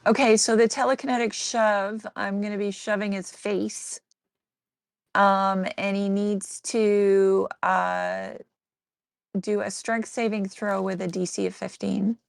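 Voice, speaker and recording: Gravelly-voiced woman playing a tabletop game. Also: mid-range voice, little pitch movement, slow, dry recording. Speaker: player. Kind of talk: casual game play.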